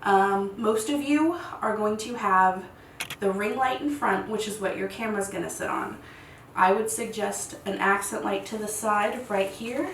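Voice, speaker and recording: A woman's voice: mid-range voice, measured pace, a bit bright. Woman, 30s, casual chatty tutorial, rambling, laughs a lot, roomy echo, faint hiss. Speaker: content creator teaching lighting. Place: home room set. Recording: echoey room, distant mic, faint hiss.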